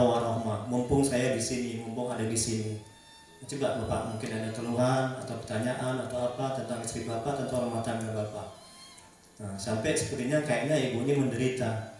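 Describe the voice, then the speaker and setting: A man preaching and counseling a small congregation in a gentle, repetitive way, often asking his listeners questions. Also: medium pitch. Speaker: Islamic preacher leading a ruqyah session. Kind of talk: religious counseling talk to a congregation. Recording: echoey room, distant mic, faint music.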